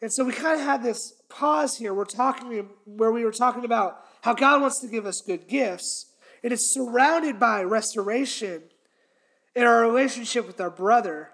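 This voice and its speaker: This low-quality recording captures a young man's very high-pitched, slightly bright voice at normal speed. Hosting his podcast from a small red-walled room, he preaches on a Bible passage earnestly and emphatically, repeating key points, framed head and shoulders by a fixed camera.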